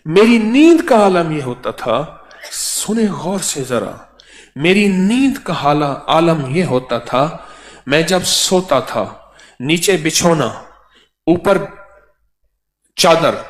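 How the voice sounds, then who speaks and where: A man preaching a sermon, chanting verses and then explaining them slowly. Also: fairly high pitch, fairly bright tone. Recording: echoey hall with long reverb.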